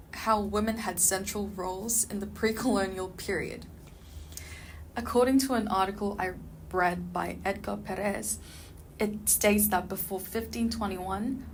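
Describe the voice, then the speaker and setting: A woman, a student presenter reading a prepared script in a podcast, measured and even. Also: medium pitch, slight background noise.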